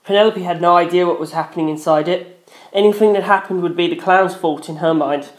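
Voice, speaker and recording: In a roomy, echoing recording, a man reads a first-person story aloud like a dramatic audiobook narrator. His voice is high-pitched and his pace brisk.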